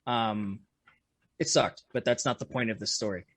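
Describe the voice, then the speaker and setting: A man's voice: on the low side, fairly even intonation, normal speed, dry recording. A man, a musician guest on a podcast, chatting casually in a laid-back way with frequent laughs. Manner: laid-back, laughs often, trails off quietly. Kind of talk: casual chat.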